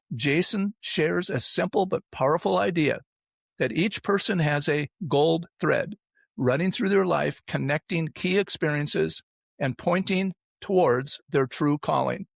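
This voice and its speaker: A man hosting an interview podcast, presenting and asking questions in a measured, prepared style. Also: a little high, creaky, no room sound. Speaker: podcast host. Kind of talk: scripted introduction and interview hosting.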